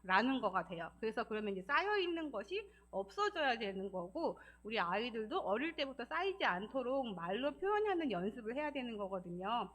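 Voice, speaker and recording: Lively, high-voiced woman teaching in church. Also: brisk, few pauses. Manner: lively, acts out quoted feelings in changing voices. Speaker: deaconess giving a church lesson. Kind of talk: Sabbath school talk.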